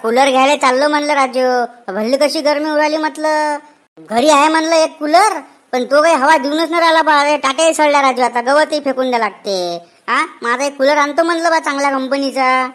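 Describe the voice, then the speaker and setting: A woman's voice: high-pitched, fairly quick, fairly bright tone. A woman voicing a know-it-all village man in a cartoon, with a Vidarbha Marathi accent and a scolding way of talking. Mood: complaining. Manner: scolding, chiding. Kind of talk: cartoon comedy voice acting.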